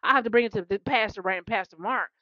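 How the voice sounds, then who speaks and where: Bright and forceful, a medium-pitched woman preaches quickly, calling herself a prophetess. Her impassioned monologue is fervent and repetitive with call-and-response asides, recorded dry with the highs cut off.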